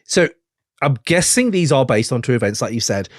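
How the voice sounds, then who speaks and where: A man's voice: a little fast, dry recording, studio quality. A man co-hosting a music podcast, talking casually and swearing often. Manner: animated, swearing, mimics lines with big pitch jumps. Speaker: podcast co-host. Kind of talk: casual chat.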